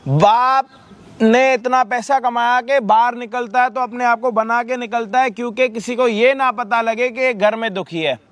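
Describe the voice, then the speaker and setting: Man w high voice, bossy host, yelling insults, mocking tone. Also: steady tone, moderate pace, no room sound. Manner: scolding, abusive and mocking. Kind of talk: staged street confrontation.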